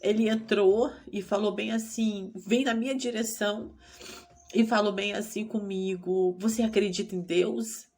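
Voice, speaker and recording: A woman's voice: medium pitch, steady tone, a little slow, a little mellow. A young Brazilian woman telling her personal faith testimony in a tearful, emotional way, often calling out to her listeners. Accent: Brazilian Portuguese. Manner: tearful, addresses listeners as "gente". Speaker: testimony speaker.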